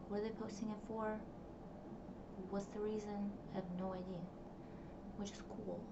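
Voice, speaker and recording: Recorded at home, distant, dull and noisy, a young Russian-speaking vlogger addresses the camera in a casual personal diary. She muses and rambles with plenty of fillers, at medium pitch with little pitch movement and a moderate pace.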